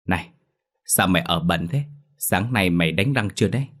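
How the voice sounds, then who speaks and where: A man voicing a brash, talkative young man who complains loudly and fast, in a spoken ghost story. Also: low-pitched, lively intonation. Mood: whiny.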